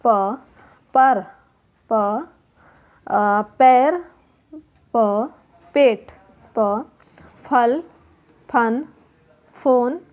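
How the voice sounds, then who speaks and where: A woman teacher explains a workbook lesson to young children, her voice sitting fairly high. She talks very slowly and deliberately, repeating each word and sound so the children can follow. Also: highs cut off. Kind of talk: classroom lesson walkthrough.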